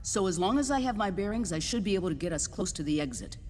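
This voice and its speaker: A woman's voice: medium pitch, animated, quick pace, a little mellow, in a large hall, lightly acted. A woman voicing a haughty know-it-all schoolgirl. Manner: haughty, cutting. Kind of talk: anime English dub.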